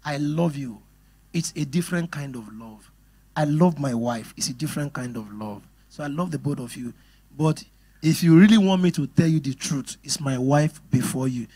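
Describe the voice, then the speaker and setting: A middle-aged pastor with a Nigerian English accent giving a sermon on marriage, animated and often laughing as he talks straight to the congregation. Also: on the high side, moderate pace, slightly rough.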